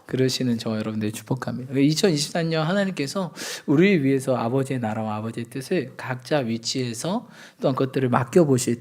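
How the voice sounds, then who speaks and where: A man's voice: medium pitch, darkish tone. A man, a pastor, preaching a sermon at a Friday night church service. He acts out everyday quarrels and keeps asking the congregation for agreement.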